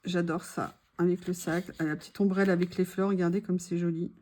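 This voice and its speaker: A woman chatting casually to her viewers while unboxing craft supplies, gushing softly and adding small asides. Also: lowish voice, level tone, brisk. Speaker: craft vlogger.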